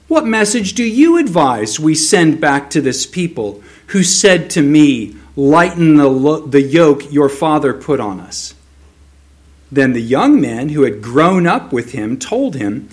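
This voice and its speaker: A man delivers a sermon at an unhurried pace. His voice rises and falls with a lot of movement in pitch as he reads scripture and explains it. He sits somewhat high for a man. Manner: slow, measured reading with lively emphasis. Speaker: preacher.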